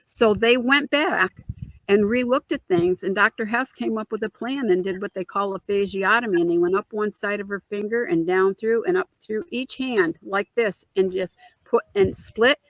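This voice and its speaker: A woman tells a personal family story as an interview guest, earnest and heartfelt. She slips into the voices of the people she quotes. Her voice sits at a middle pitch and is recorded close and dry. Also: normal speed, dry recording, muffled recording. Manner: earnest, acts out quoted dialogue.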